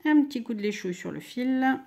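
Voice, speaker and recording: A woman's voice: fairly high pitch, expressive, fairly quick, creaky, darkish tone. A middle-aged woman hosting a crochet tutorial, chatting with viewers as she works. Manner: chatty, talks to viewers while working. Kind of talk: crochet doll-clothes tutorial.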